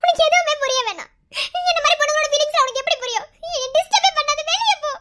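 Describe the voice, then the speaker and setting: A shrill cartoon med student in pain. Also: female voice, fast. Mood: snapping. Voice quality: very high, bright girlish voice.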